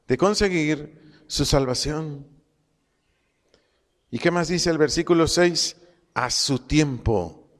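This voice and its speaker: Here a man with a slightly high voice runs a Bible study, echoing important phrases, spelling Greek words aloud, and answering his own questions, all with long reverberation in the recording.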